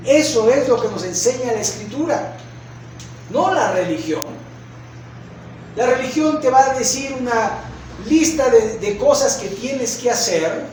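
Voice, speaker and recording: Mexican man preaching, high voice, far from the mic, booming church echo. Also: slight background noise. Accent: Mexican Spanish. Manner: preaching with dramatic acted shouts and rhetorical questions. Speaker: pastor. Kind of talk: sermon. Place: church sanctuary. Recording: echoey church hall from far off.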